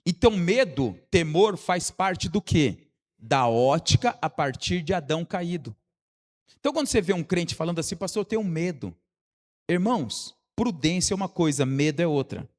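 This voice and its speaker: A fairly high-pitched Brazilian man preaches a sermon in a church hall. His voice trails off into a long reverb. He swings between emphatic raised lines and slow, hushed ones, repeating rhetorical questions to the congregation. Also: lively intonation. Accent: Brazilian Portuguese. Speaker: pastor.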